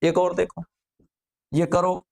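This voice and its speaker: A man in middle age with a notably high-pitched voice leads a grammar lesson. He keeps the class engaged by asking them questions and answering them himself. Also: completely flat delivery, slow pace, vocal fry, a little mellow. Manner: drills students with rhetorical questions. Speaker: teacher.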